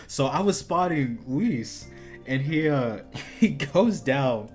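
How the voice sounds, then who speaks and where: A man's voice: mid-range voice, lively intonation, takes it slowly, soft background music. A young man streaming a video game, chatting casually and rambling, laughing often and saying dude and like a lot. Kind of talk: casual gaming stream chat.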